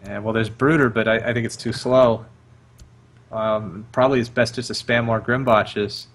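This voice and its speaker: A man casting a strategy game, calling each move in quick play-by-play commentary. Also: on the low side, steady tone, a bit bright. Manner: rapid-fire calls of each move. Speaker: esports caster.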